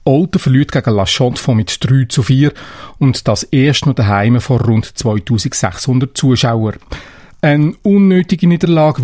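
A man's voice: mid-range voice, a little mellow, no room sound, studio quality. A man reading scripted regional news on the radio.

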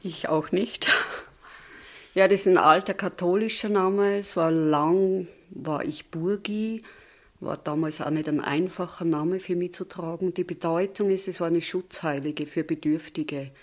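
A woman's voice: on the low side, a little slow. A woman in her fifties from Austria, speaking with an Austrian dialect that has picked up a Swiss tinge, talking thoughtfully as an interview guest and often ending with "oder?". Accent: Austrian German dialect, slightly Swiss-tinged. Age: 50s. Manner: thoughtful, tags questions with "oder?". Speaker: interview guest, seminar leader. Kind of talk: conversational interview.

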